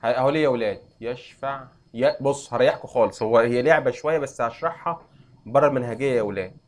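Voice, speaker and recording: A young adult man with an Egyptian accent and a mid-range voice teaches an Arabic grammar lesson in class. He quizzes his students with quick questions.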